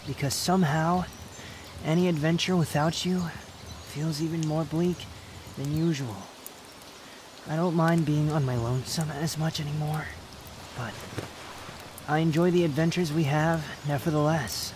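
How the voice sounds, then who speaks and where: A man playing a prideful, sharp-tongued puppet wanderer with a secret fondness, speaking to the listener in a roleplay audio drama, haughty and unhurried. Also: a little high, steady tone, background noise, lightly acted. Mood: wry, confessing.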